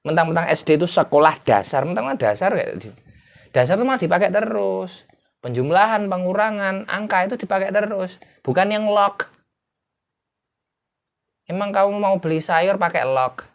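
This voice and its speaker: A man's voice: sits high, expressive, normal speed, gravelly. A man giving an explanatory lecture as an English teacher, asking rhetorical questions and answering them himself.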